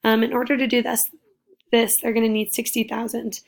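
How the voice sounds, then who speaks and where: A young woman presenting a class project, her voice raspy because she is losing it, upbeat and full of fillers. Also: fairly high pitch, little pitch movement, a little fast. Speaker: student presenter.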